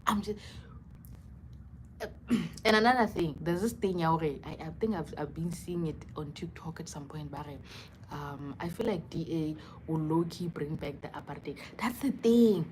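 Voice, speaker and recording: Young woman livestreamer, South African accent, code-switching, expressive and conversational, with faint-to-clear noise behind her. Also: deep voice, normal speed, rough recording. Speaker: livestreamer chatting with commenters. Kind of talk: casual live chat.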